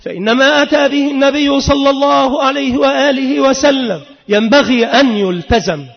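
A man preaching a sermon in an emphatic, rhythmic style that rises into sung and shouted passages. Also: very high voice, a little fast, vocal fry. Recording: long hall reverb, dull lo-fi sound.

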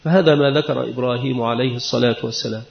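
A man teaching a religious lesson, explaining a text in a measured, explanatory way. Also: mid-range voice, steady tone, gravelly. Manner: measured, explanatory, recites quoted speech. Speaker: Islamic scholar teaching. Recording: echoey, dull lo-fi recording.

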